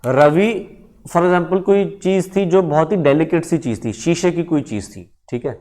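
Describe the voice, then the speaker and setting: A man's voice: a little high, measured pace, a little mellow. A male teacher giving a lecture, talking directly to his students and checking in often. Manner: conversational, addresses students directly with frequent check-ins.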